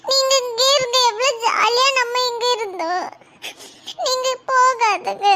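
A performer voicing a little girl in a cartoon who pleads tearfully, in a very high pitch-modulated voice. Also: normal speed, sharp tone. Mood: tearful pleading. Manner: pleading, crying. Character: young girl, tearful and clingy. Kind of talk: animated cartoon dialogue. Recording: pitch-modulated with audio tools.

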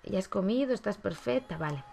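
A woman's voice: medium pitch, animated, fairly quick, creaky, mellow, slight background noise. A woman giving chatty gameplay commentary, coaxing the characters on screen as she plays. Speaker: gaming YouTuber.

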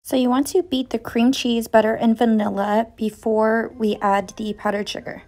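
A woman with a fairly high, steady voice, little rise and fall, speaks at a moderate pace in a warm tone. She hosts a baking channel from her home kitchen, chatting casually in voice-over as she walks through each step one by one.

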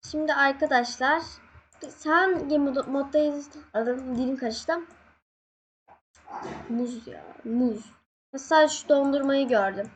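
A young woman casually commenting on her gameplay, excitable, laughing and yelping when scared. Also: high voice, slow pace, pauses often, a little hiss or hum. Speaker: gaming channel host.

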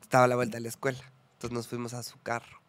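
A man's voice: mid-range voice, completely flat delivery, rapid-fire, a bit bright. A young man with a Mexican accent, a podcast guest telling his story in a playful, camp, dramatic way. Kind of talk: casual storytelling chat.

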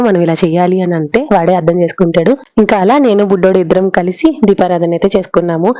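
A mother narrating her family vlog in a rapid, chatty voice-over. Her voice is dark and mellow, recorded close and dry. She talks straight to her viewers, slipping English words in as she goes. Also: on the low side, no echo, dull audio. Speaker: parenting vlogger and mother.

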